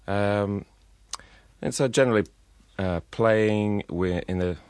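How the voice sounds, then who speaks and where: A man with a very low voice, guesting as a design lecturer on a radio show. He speaks in halting bursts, padded with uh and um. The sound is dry and close. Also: darkish tone, smooth, no echo. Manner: hesitant, many uh and um fillers, uneven pace. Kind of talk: radio interview answers. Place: radio studio.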